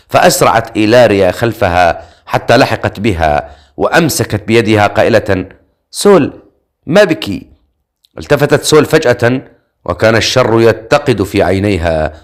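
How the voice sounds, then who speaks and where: A man reads a dark novel aloud in a low voice. His narration is measured and dramatic, unhurried and scripted. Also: expressive. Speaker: audiobook narrator.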